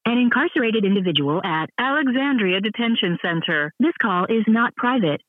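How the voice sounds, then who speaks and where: Woman, automated collect-call announcer, even scripted read, thin tinny payphone sound, dry. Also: on the high side, normal speed, no echo. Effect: heard over a phone line. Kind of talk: recorded prison phone announcement. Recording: tinny prison payphone line.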